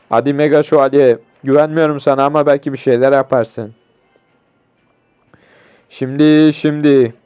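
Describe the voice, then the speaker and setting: A hoarse young man giving excitable, foul-mouthed commentary on a mobile game match as he plays, talking to his viewers. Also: medium pitch, unhurried, long pauses, faint music behind. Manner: excitable, swearing, talks to viewers mid-match. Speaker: gaming YouTuber. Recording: dull lo-fi recording.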